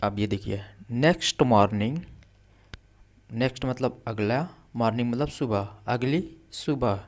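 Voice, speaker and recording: A man teaching English reading in Hindi, patiently repeating each word with its meaning and reading story words out slowly. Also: medium pitch.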